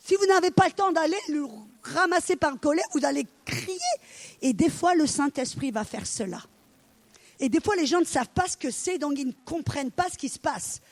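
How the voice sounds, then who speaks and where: A woman's voice: sits high, brisk. A middle-aged woman preaching a sermon, telling stories and acting out the dialogue. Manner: animated storytelling, acting out dialogue.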